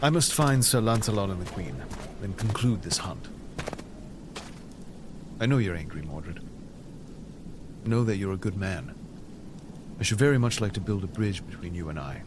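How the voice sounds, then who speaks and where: A man's voice: low voice, animated, moderate pace, long pauses, noisy background. An actor playing a noble, fatherly king in an audio drama, speaking formally and kindly. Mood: gentle, regretful.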